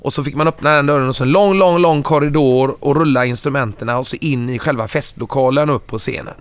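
A middle-aged man, a touring musician, telling anecdotes in a casual, animated way. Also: medium pitch, clean tone. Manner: animated, acts out quoted lines in a raised voice.

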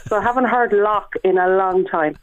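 A woman's voice: medium pitch, moderate pace. Chatty Irish woman on a phone line. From Ireland, born in the north, lives in Galway. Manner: chatty, anecdotal. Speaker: radio phone-in caller. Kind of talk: casual chat. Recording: phone-like radio call-in line.

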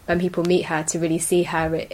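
A woman's voice: lowish voice, monotone, fairly quick, a little mellow, rough recording. A woman co-hosting a conversational radio discussion show.

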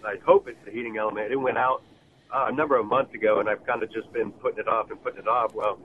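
A man's voice: lowish voice, steady tone, quick pace. A man calls in to a radio show, his voice squeezed thin through a phone line. He talks in a hesitant way, full of ums and restarts. Faint noise hums behind him on the call. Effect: heard over a phone line. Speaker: caller.

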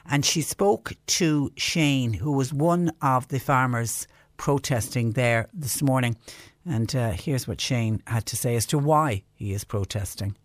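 A man's voice: mid-range voice, unhurried, no echo. A man presenting local radio, reading out texts and community notices.

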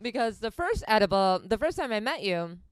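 Woman in her 40s, podcast host, smooth clear voice, close dry sound, chatty, laughing. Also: mid-range voice, sing-song, fairly quick, no echo. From Wisconsin. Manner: laughing, rambling storyteller. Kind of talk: casual chat.

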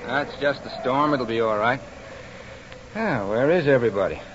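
A bitter, moody painter husband, played by an actor, brusque and quick to turn from eager to curt. His pitch rises and falls widely in this 1940s radio play. The broadcast sounds dull, with faint hiss behind it. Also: lively intonation, close to an everyday voice.

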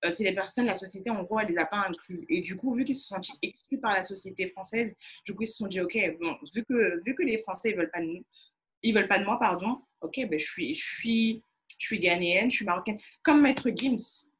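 A young woman from France with a French accent, explaining her view in a measured way in a casual discussion. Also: medium pitch. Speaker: panel discussant.

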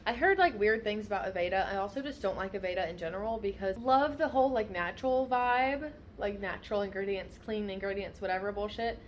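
A woman's voice: medium pitch, lively intonation, a little fast, few pauses, dull audio, slight background noise. A young adult woman, a hairstylist and podcast co-host, chatting casually in a frank, rambling way and swearing freely. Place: United States.

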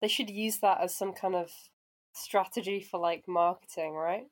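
A woman's voice: on the low side, steady tone, normal speed. Curious, playful woman asking questions. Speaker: podcast co-host asking questions. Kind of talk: casual podcast chat.

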